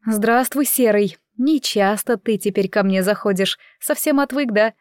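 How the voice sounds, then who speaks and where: Женщина играет больную девушку с самоиронией. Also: female voice, mid-range voice, a little slow, no echo, clean studio sound, natural voice. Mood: wry. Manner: weak, wry self-irony. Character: sick young woman, wry and self-mocking.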